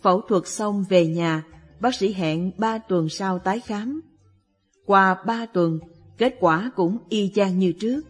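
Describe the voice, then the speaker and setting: A woman narrating a sad Buddhist life story in a slow, measured, mournful way. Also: medium pitch, husky. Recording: long reverb with soft music behind.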